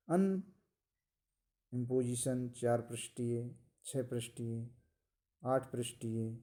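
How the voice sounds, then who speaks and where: Male lecturer, unhurried and methodical, deep mellow tone, a teaching cadence that repeats key points. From India. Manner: slow, deliberate, explanatory, repeats phrases. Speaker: college lecturer. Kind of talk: recorded lecture.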